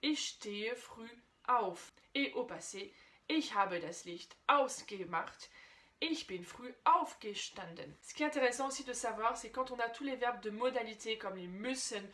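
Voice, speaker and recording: A woman's voice: a little high, animated, a bit bright. Patient woman teaching a language lesson. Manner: explains patiently, often checks in with "d'accord?"; slows right down to pronounce example sentences. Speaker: German teacher.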